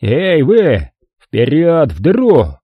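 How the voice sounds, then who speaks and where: A man voicing a weary security chief in an audiobook, measured and commanding, lifting his voice somewhat. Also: on the high side, huge pitch swings, breathy edge, dry recording, phone-quality sound, voice pushed up, heavily acted. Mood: barking. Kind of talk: audiobook character voice.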